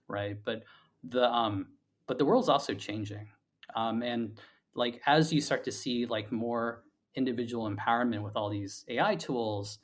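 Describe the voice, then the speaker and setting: This is a founder guesting on an interview, a man whose voice sits on the low side. He walks through his thinking in a stop-start, conversational way, repeating words as he goes.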